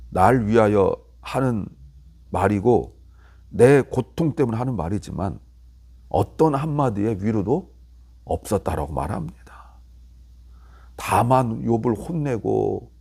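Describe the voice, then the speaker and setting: Husky low-voiced Korean pastor preaching. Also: male voice, warm tone. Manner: explanatory, rising emphatically when paraphrasing Job. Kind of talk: early-morning Bible exposition sermon.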